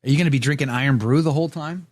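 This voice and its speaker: A man's voice: medium pitch, racing, a little mellow, no room sound. A man hosting a radio show, chatting casually, reading out listener comments and joking at his own expense, with lots of restarts. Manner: rambling, self-deprecating, frequent restarts and fillers.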